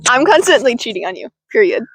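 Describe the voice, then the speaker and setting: High-voiced playful woman bantering outdoors. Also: sing-song, fast, breathy edge, dry recording. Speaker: podcast co-host. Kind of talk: casual chat. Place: outdoors in the woods. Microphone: handheld mic passed between speakers.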